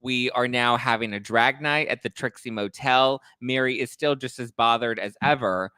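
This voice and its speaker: A man's voice: medium pitch, normal speed, sharp tone, clear, resonant tone, no room sound, studio quality. A man hosting a pop culture podcast in an upbeat, teasing, gossipy chat. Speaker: podcast host. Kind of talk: casual chat.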